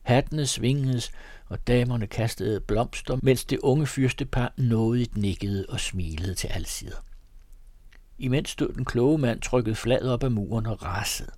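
A man's voice: medium pitch, a little mellow, no echo. Man reading an old tale, dry close sound. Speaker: reader. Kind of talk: storytelling reading.

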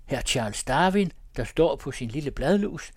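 A fervent believer bellows his testimony in a loud, preaching, rhetorical voice, as a male narrator acts him out. His mid-pitched male voice sounds close and dry, with no room around it, as in a storybook reading. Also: expressive, slightly rough, no echo. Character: zealous pious man shouting his testimony.

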